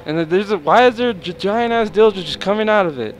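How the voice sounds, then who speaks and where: Young man yelling through a horror game. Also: high-pitched, lively intonation, quick pace, background noise. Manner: swearing, panicky outbursts and yelling at the game. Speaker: gameplay streamer.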